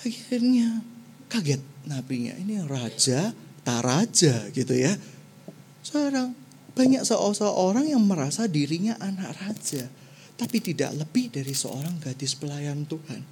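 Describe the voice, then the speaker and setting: A woman preacher giving a sermon, telling the story in a playful, animated way and swinging between soft and loud. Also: low voice, measured pace, a little hiss or hum.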